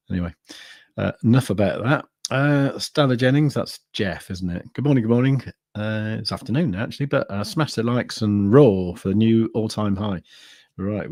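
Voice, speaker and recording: A man hosts a crypto livestream, chatting casually and rambling with lots of fillers and restarts. His voice is lowish and darkish in tone, and the recording is dry.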